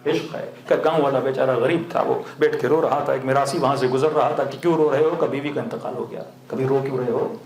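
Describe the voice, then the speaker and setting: A man's voice: medium pitch, steady tone, few pauses, darkish tone, a little hiss or hum. Man preaching in an echoey hall. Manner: asks the audience questions and answers them himself; chuckles now and then. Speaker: Shia cleric. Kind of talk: sermon with storytelling.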